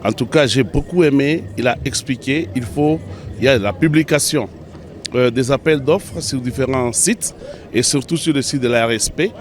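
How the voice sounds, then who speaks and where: A man's voice: medium pitch, normal speed. A man, a conference attendee giving a hesitant street interview full of fillers.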